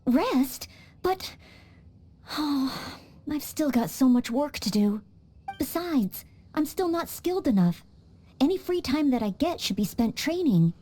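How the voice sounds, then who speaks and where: In a game cutscene, a game character, a courteous, sincere young maid studying to be a knight, is voiced by an actress who stammers a little hesitantly. The voice is high yet dark in tone.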